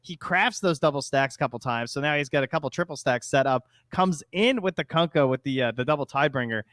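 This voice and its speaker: A man commentating a live esports match, explaining plays in a relaxed way and laughing easily. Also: on the high side, fast, no echo, studio quality. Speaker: esports caster.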